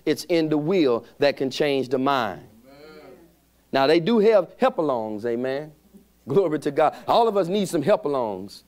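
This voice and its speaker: A middle-aged man preaching a sermon as pastor to his congregation, drawing out emphatic phrases and asking them to answer back. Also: on the high side. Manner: call-and-response preaching, drawn-out emphatic phrases. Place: church sanctuary with congregation.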